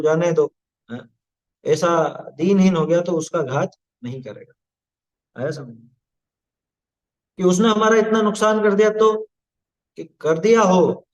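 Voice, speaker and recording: A man's voice: high-pitched, darkish tone, muffled recording. A man giving a spoken religious discourse as a scripture teacher, explaining patiently and often checking with listeners that they follow. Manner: explains patiently, asks listeners "है ना?" and "आया समझ में?".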